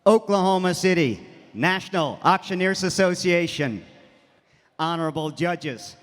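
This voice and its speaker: A man's voice: high-pitched, animated, unhurried. A man from West Virginia, an auction contestant, giving a formal introduction and then a rolling bid chant. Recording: reverberant event hall.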